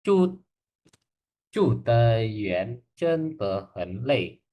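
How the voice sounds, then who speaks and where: A man's voice: fairly low pitch, animated, slow, a little mellow. A man, a language student reading and translating hesitantly, searching for words. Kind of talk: reading aloud and translating in a lesson.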